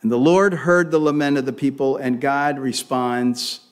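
A man's voice: mid-range voice, fairly even intonation, normal speed, clean tone. A male pastor preaching a sermon, reading scripture aloud with rising force and leading the congregation in response. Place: church sanctuary.

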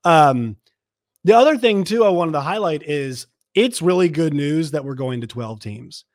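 A man hosting a sports show, giving emphatic commentary to viewers in a slightly hoarse voice and repeating his points. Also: fairly high pitch, lively intonation, normal speed, a little mellow, no echo, clean studio sound.

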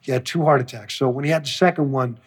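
Male producer, husky voice, profane storyteller who acts out the quotes. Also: mid-range voice, quick pace. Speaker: music producer. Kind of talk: storytelling interview.

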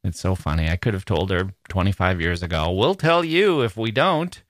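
A middle-aged American man hosts a podcast, delivering a casual, chatty, wry monologue into a close microphone. His voice sits low and is expressive at a normal speed, in a dry recording.

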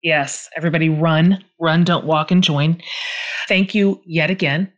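A woman's voice: low voice, steady tone, a little slow, muffled recording, a little hiss or hum. A woman hosting a podcast interview, affirming and thanking her guest. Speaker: podcast host.

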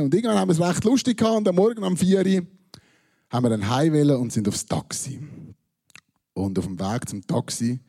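A man's voice: mid-range voice, warm tone, breathy edge. A man from Switzerland with a Swiss German accent, telling a personal anecdote with dry, self-mocking humor and punchline timing. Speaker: storyteller. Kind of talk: personal anecdote told to an audience.

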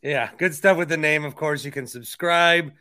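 An American man hosting a podcast interview, chatting casually about sports and politics in a rambling way with animated asides. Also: fairly high pitch, moderate pace. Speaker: podcast host interviewing a guest.

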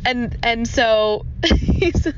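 A woman's voice: a little high, extremely slow. Woman host rambling away, recorded on a phone voice memo app, muffled and lo-fi. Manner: rambling, chatty, many fillers. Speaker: podcast host. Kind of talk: casual chat. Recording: dull lo-fi phone voice memo with faint noise.

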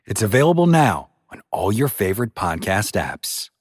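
A man's voice: fairly low pitch, sing-song, normal speed, breathy edge, dry recording, studio quality. A man reading a scripted podcast promo as its host.

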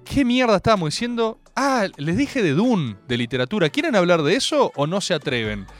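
A young man with an Argentine accent hosting a radio show, rambling through stories in an animated, jokey way. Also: high voice, brisk, faint music behind. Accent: Argentine Spanish. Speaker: radio host. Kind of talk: casual radio monologue.

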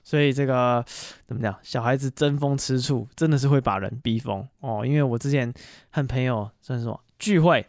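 A man hosting a podcast, casually telling stories alone and pausing on fillers as he goes. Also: medium pitch, dry recording, studio quality. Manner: chatty, animated retelling full of fillers. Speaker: podcast host. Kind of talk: casual solo storytelling monologue.

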